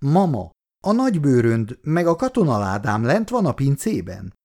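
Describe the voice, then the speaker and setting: A man's voice: mid-range voice, sing-song, darkish tone, pitched above the performer's own voice, close to an everyday voice. A male reader voicing an evasive young man who placates his mother. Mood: tentative. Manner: placating, sheepish.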